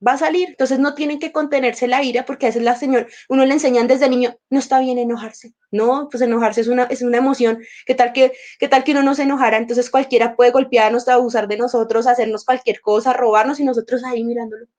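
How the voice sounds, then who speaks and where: Lady with a high voice giving a workshop, chatty, plays out little talks with her feelings, bit of a sore throat. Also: fairly even intonation, fast talker, few pauses, a little mellow. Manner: conversational, acts out inner dialogues with emotions. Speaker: workshop teacher. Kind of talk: emotional intelligence workshop talk.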